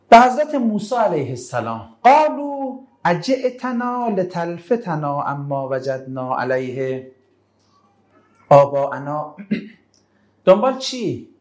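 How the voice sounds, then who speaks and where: A man's voice: on the high side, a little mellow. Man quizzing a class in a Quran lesson. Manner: quizzes students again and again, brushing off answers; recites Arabic verses slowly, then glosses them in colloquial speech. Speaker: religious teacher.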